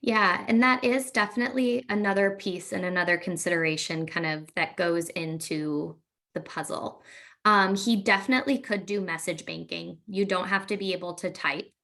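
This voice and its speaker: A woman speech-language pathologist giving a webinar presentation, explaining in a relaxed way with frequent fillers. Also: lowish voice, moderate pace.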